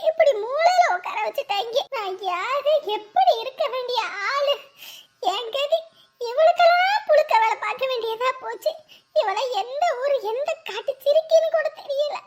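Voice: very high-pitched, a little hiss or hum. A performer voicing a self-pitying woman who laments being forced into servant work, in a cartoon comedy. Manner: wailing, self-mocking lament.

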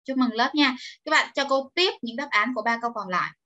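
A woman's voice: fairly high pitch, animated, fast, sharp tone. Woman teacher, online class lecture, encouraging, muffled lo-fi sound. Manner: encouraging, explains step by step. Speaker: English teacher. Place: home or office, online class.

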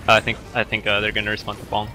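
A man's voice: on the low side, completely flat delivery, rapid-fire, sharp tone, soft background music. A man in casual voice chat while gaming, urging his teammates on and repeating himself. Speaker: gamer in voice chat. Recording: noisy voice-chat line.

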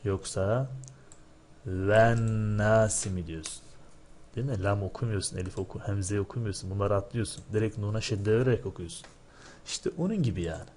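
Low-voiced male teacher explaining patiently. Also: animated, quick pace, darkish tone, slight background noise. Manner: explanatory, asks rhetorical questions and often checks with "değil mi?"; recites word forms in a drilled, chanting rhythm. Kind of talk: recorded lesson going over exam answers.

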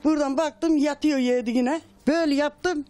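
Older woman, very high voice; emotional first-hand account told at home, dramatizes the quotes. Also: fairly even intonation, moderate pace, a little mellow. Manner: acts out quoted dialogue in a raised voice. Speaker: widow interviewed at home. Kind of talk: emotional testimony.

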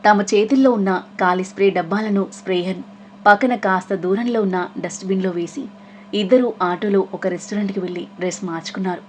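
Woman narrating a story softly. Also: medium pitch, steady tone, brisk, slight background noise. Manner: voices every character in soft reading.

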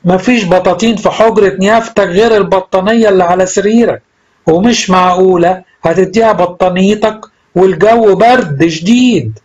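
Man doing a cranky church doorkeeper, Egyptian Arabic accent, sarcastic, grumbling, husky. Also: fairly high pitch, a little fast, dull audio.

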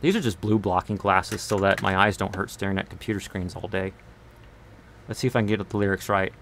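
A man with a low voice talks fairly quickly over some background noise. Late at night in his small bedroom studio, this live streamer and singer-songwriter leans close to a large condenser mic on a boom arm, rambling casually to a few online friends during a laid-back livestream chat.

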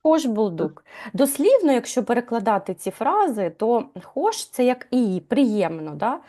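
A woman teaching Turkish in a live lesson, explaining patiently, asking her students questions and filling pauses with "e". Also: a little high, big pitch swings, dark tone. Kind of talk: live online language lesson.

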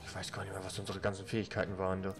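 Mann kommentiert locker ein Videospiel. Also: male voice, sits low, completely flat delivery, rapid-fire. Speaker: let's player. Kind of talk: casual gaming commentary. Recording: faint game music behind. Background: video game music.

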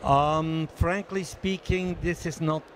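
Swiss guy, 60s, a bit high voice, careful slow interview talk, handheld mic at a conference booth. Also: fairly even intonation, slight background noise. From Switzerland. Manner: measured, businesslike, many hesitations. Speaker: interviewee, association treasurer.

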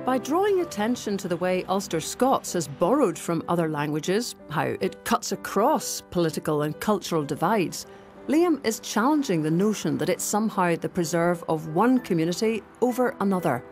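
A woman with a Belfast accent narrates a documentary from a script. Her voice is low and moves through lively intonation, with music clearly playing underneath. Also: normal speed. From East Belfast. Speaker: documentary presenter.

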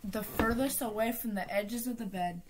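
Young woman, casual chat, eager side comments, slightly high, noisy recording. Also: moderate pace.

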